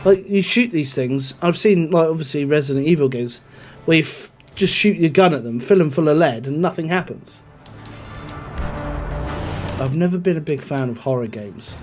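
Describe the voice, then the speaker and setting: A man's voice: fairly high pitch, moderate pace, a little mellow, faint music behind. A man chatting casually on a gaming live stream, rambling and answering his chat.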